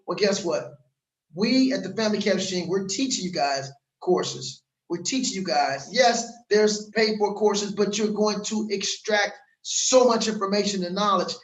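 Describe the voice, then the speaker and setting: High-voiced man giving a hard-sell vlog. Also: a bit bright, reverberant, rough recording. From Los Angeles. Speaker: crypto course promoter. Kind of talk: casual vlog pitch. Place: outdoors in a warm place.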